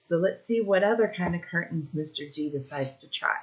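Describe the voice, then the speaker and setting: A woman with a slightly low voice, a teacher, reads a picture book aloud to young children with lively intonation at a moderate pace. She explains things simply and keeps stopping to ask questions. The recording sounds a little dull and lo-fi.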